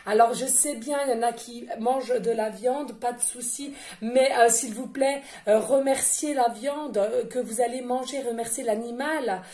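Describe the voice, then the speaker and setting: A woman's voice: fairly high pitch, normal speed, hardly any pauses, mellow, echoey room. A woman medium giving a casual, rambling oracle card reading, chatting and laughing with her listeners as friends.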